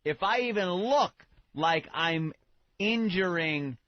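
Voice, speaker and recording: A man's voice: sits high, animated, slow, dry recording. A man chatting casually on a radio show, answering with his own story. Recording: dry lo-fi radio studio.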